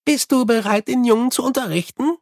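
The reader voicing an abbot who lives in a small child's body, babbling in a high child voice in an audiobook. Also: fairly quick, darkish tone, no room sound, studio quality, lightly acted.

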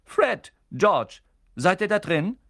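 A man's voice: high voice, huge pitch swings, unhurried, no echo, studio quality, voice pushed up, full character voice. A man doing a fussing busy mother. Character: fussing middle-aged mother of many.

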